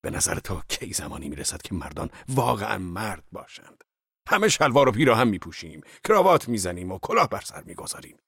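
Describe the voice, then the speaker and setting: Brief: man reading as a passionate old laborer, gravelly and husky, raised and scornful, audiobook. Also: lowish voice, no echo, studio quality, exaggerated voice. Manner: loud, scornful, heated outbursts. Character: fiery old male laborer, blunt and passionate.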